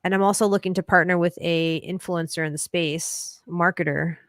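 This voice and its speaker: A woman's voice: on the low side, fairly even intonation, moderate pace, no room sound, studio quality. A woman with a New York accent hosting a casual livestream, teasing her co-hosts in slangy banter. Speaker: host.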